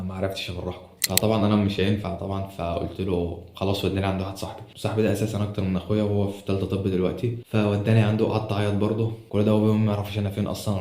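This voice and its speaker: A young man with an Egyptian Arabic accent pours out a personal motivational story at a very quick pace, earnest and emotional. His voice sits low and warm. The recording has a roomy echo and a faint hiss behind it. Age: young adult. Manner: earnest, emotional, rapid with frequent restarts. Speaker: student vlogger.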